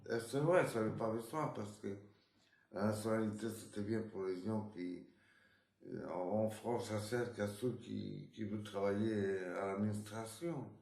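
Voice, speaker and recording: A man's voice: fairly low pitch, fairly even intonation, a little slow, creaky, a little mellow. A man from Spain with a Spanish accent, telling his life story in a casual interview, rambling with many restarts and tag words. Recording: roomy echo.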